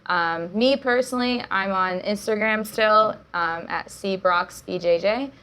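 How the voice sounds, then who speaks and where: A woman's voice: mid-range voice, measured pace, a bit bright, smooth. A young woman, a jiu-jitsu coach, talking as a guest in a casual chat, upbeat and full of fillers and laughs.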